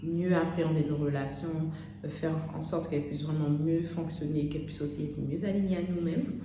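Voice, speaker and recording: A woman in her thirties, a life coach giving an unscripted motivational talk, speaking straight to the listener and pausing often on "euh". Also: sits low. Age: 30s. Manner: unscripted, addresses listener as "tu", many "euh" pauses. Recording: very echoey room with steady background noise.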